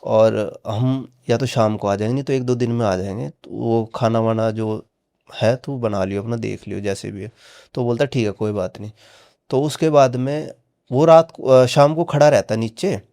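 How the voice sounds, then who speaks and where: A man's voice: medium pitch, moderate pace, creaky, warm tone. A man casually recounting a horror story on a podcast, acting out the dialogue with frequent "he said" tags. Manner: retells dialogue with many "he said" tags.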